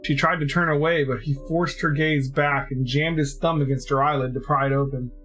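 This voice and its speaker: A man streaming a game who reads a story aloud in a steady, measured way. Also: fairly high pitch, faint music behind, rough recording.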